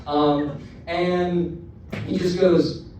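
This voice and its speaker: A young man telling an animated, self-mocking stand-up story with plenty of swearing, hosting the show. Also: high voice, drawn-out words, slight background noise. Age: young adult. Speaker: comedian and show host. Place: performance hall with a live audience. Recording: echoey room from far off, crowd.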